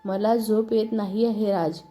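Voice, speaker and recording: A stubborn young wife brushing off questions with short, defensive answers, voiced by a woman narrator. Her tone is mellow and warm, with faint music underneath. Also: medium pitch, level tone, unhurried, lightly acted. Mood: sulky. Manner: curt, defensive replies.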